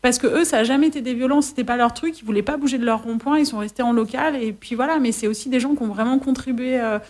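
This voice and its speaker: A woman journalist speaking as a guest on a radio show, choosing her words slowly and pausing often. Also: on the high side, darkish tone. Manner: thoughtful, hesitant, many fillers. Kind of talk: radio interview. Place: radio studio.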